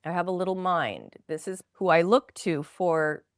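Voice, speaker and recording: A woman guest on a podcast, speaking gently and reflectively in long flowing thoughts. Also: fairly low pitch, animated, moderate pace, no echo, studio quality. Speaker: guest, spinal energetics practitioner. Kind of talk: conversational podcast interview.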